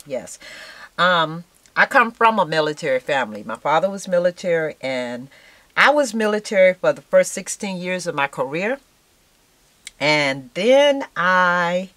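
A woman's voice: lowish voice, a bit bright. A woman in her sixties chatting casually to viewers while she works on a craft project, with lots of fillers and a repeated "yes". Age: 60s. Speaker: craft vlogger. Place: indoors at a cluttered craft table.

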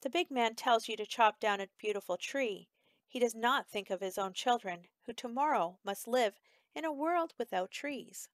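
A woman's voice: fairly high pitch, animated, moderate pace, no room sound, natural voice. Earnest anteater, read by a woman. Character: wise earnest anteater parent.

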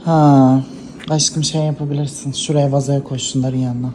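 A woman's voice: very deep voice, little pitch movement, moderate pace, mellow, slight background noise. A woman talking to her followers in casual phone story clips, dramatic and gushing, calling them princesses and girls. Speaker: social media personality.

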